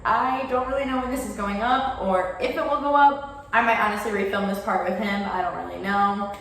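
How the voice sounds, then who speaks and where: A woman in her early twenties chatting casually and excitedly in a rambling vlog intro, recorded in an empty, very echoey room like a big hall. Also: mid-range voice, fairly quick. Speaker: vlogger. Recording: big hall echo, distant mic, faint noise.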